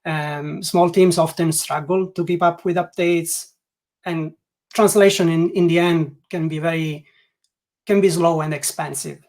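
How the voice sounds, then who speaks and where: As a guest learning experience designer on a webinar, this man from Italy speaks English as a second language with an Italian accent, hesitating, restarting and leaning on "like" fillers. His pitch is fairly high, his intonation fairly even, his tone darkish and his pace unhurried.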